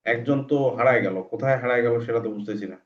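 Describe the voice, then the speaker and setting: A man teaching an online English class for children, chanting the alphabet in slow repeated drills and coaxing his pupils patiently. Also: medium pitch, fairly even intonation, dull audio.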